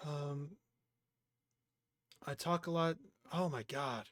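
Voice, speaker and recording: A man's voice: fairly high pitch, takes it slowly, no room sound, studio quality. A man playing as a quiz contestant, chatting casually, thinking aloud and swearing freely.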